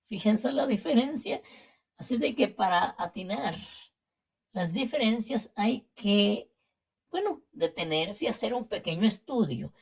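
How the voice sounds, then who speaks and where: A woman from Latin America with a Latin American Spanish accent, teaching a vocabulary and spelling lesson and explaining slowly and carefully with repetitions. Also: mid-range voice, animated, gravelly, breathy edge. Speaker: language teacher.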